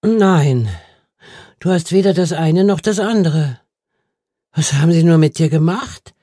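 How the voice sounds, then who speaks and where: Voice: medium pitch, unhurried, dark tone, dry recording, voice pushed up, lightly acted. An audiobook reader voicing a dry, loyal old male gardener who speaks plainly and matter-of-factly.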